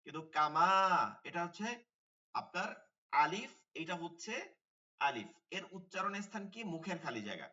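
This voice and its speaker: A man teaches an online Quran class in a bright, sharp voice pitched a little high. He repeats each term and quizzes his students as he goes. The sound is dull and comes from some distance from the mic. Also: very animated, moderate pace, long pauses. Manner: repeats key terms, asks students questions.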